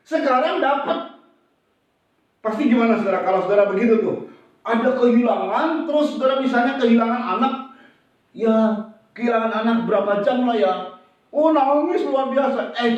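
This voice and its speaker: Male pastor, high and very lively delivery, sermon recorded from far off in an echoey hall. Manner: lively, animated preaching with acted-out asides. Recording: echoey hall, distant and dull.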